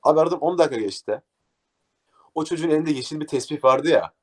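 Animated young man telling stories fast. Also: fairly high pitch. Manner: animated, acts out scenes, says "abi" a lot. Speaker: DJ guest. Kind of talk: casual interview storytelling.

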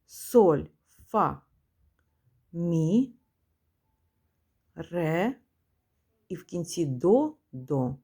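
A woman's voice: lowish voice, big pitch swings, warm tone, slightly rough. Patient woman teaching a music lesson. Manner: patient, prompting the pupil, claps and chants rhythms slowly.

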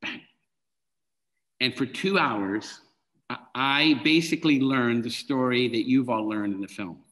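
A middle-aged film director, appearing as a guest on a video call, talks casually and without hurry in a mid-range voice. He's animated, acting out the dialogue as he tells his stories. The recording quality is low.

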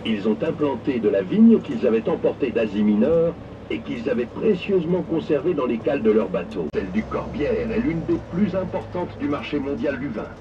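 A man's voice: medium pitch, normal speed, far from the mic, natural voice. A man voicing a proud old miner-winemaker guide. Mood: enthusiastic. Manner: lively, storytelling, emphatic. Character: older male former miner and winemaker, proud local guide. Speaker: audio guide narrator. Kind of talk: scripted narration. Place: open tourist train outdoors. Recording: muffled loudspeaker on a moving tourist train, heard from afar with loud engine noise. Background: vehicle engine and outdoor ambience.

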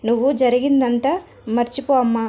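A woman voicing a humble middle-aged mother who apologizes and comforts gently. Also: on the high side, level tone, fairly quick, close to an everyday voice. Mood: pleading.

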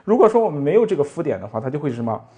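Man teaching piano lively, animated speech. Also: on the high side, racing, muffled recording. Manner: counts beats aloud, asks frequent rhetorical tag questions. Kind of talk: music lesson with counting and playing. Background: piano playing.

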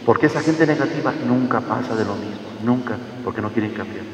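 A man's voice: medium pitch, brisk, lo-fi sound. A man preaches earnestly, his voice carrying from a distance through a church hall with a long, ringing echo. A faint noise sits under the recording. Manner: earnest, addresses listeners as children, acts out dialogues. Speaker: parish preacher. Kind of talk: Lenten talk to the congregation. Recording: echoey hall, voice from far off.

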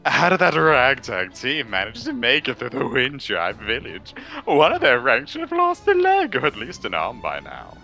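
A man's voice: medium pitch, wildly swooping pitch, moderate pace, vocal fry. A man voicing a creepy, scheming male advisor in a fan dub of a video game. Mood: gloating. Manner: sinister, theatrical gloating.

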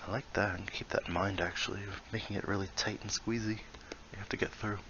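Speaking fast with little pitch movement in a voice on the low side, a VR building tutorial creator casually explains his build in a VR game while thinking aloud and muttering asides. The highs are cut off and there's slight background noise.

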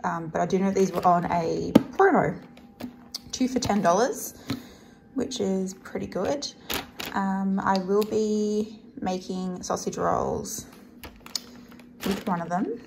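A woman's voice: mid-range voice, slow pace, creaky, long pauses, background noise. A woman with an Australian accent chatting casually to camera as a vlogger, unscripted and often trailing off mid-thought. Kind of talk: casual grocery haul chat to camera.

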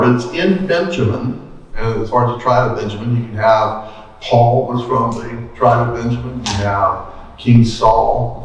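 A middle-aged man, a pastor, preaching an earnest, measured sermon in a small church, holding a handheld mic. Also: mid-range voice. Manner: earnest, measured teaching with occasional restarts. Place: small church sanctuary, indoors. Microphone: handheld mic, filmed from the back of the room. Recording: echoey church from far off.

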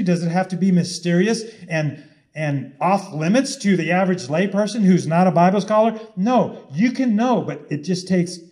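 A man preaches with urgency and repeats his key points over and over. His voice sits a little high, but its tone is warm and mellow. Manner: urgent, repetitive exhortation. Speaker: online preacher. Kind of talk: impassioned sermon-style talk.

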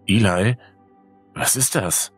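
Man doing a bold teen boy, blunt, determined, low husky voice. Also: takes it slowly, faint music behind. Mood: curious. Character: bold, curious teenage boy.

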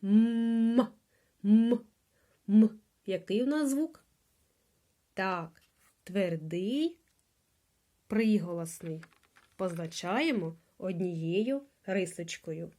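A woman preschool teacher with a Ukrainian accent, speaking at a very slow, deliberate pace. She stretches out single sounds and says each word again and again for little children. Her voice sits at an ordinary middle pitch. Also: lively intonation, dark tone. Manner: drawn-out sounds, repeating each word and letter. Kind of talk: slow phonics lesson for small children.

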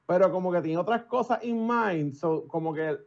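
A man's voice: sits high, brisk, muffled recording. A young man telling stories in casual podcast chat, swearing often and mixing in English. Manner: profane, animated, switches into English. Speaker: podcast guest.

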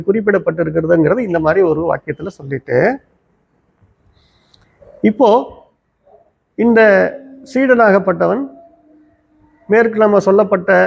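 High gravelly-voiced man teaching Vedanta. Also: highs cut off. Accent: Tamil. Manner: explains step by step, slowly chants Sanskrit verses. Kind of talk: spiritual discourse. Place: ashram teaching hall.

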